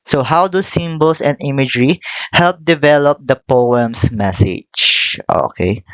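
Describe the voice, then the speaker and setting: Slow, measured teacher explaining a lesson. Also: medium pitch, a bit bright, no room sound, muffled recording. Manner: measured explaining with frequent "okay" and "so". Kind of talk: classroom lesson.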